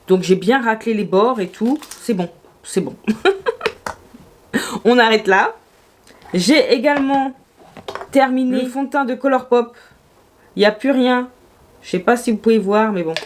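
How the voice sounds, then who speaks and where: A woman's voice: on the high side, slight background noise. A woman vlogging casually about her makeup, gushing and exclamatory in a chatty way. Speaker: beauty vlogger.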